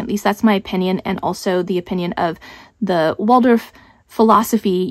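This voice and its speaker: A woman's voice: mid-range voice, darkish tone, no room sound. A woman hosting a homeschool channel, explaining a curriculum in a casual, conversational way and sometimes restarting her phrasing as she thinks aloud.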